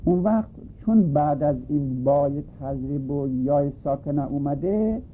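A man's voice: medium pitch, slight background noise. A man teaching a grammar lesson, patiently explaining a text and repeating each point in new words. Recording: tinny phone-like recording.

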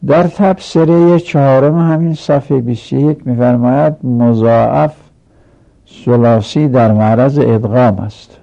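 A man's voice: mid-range voice, vocal fry, dark tone. A man teaching a grammar lesson from a textbook, explaining each rule step by step with repeated examples. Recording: dull lo-fi recording.

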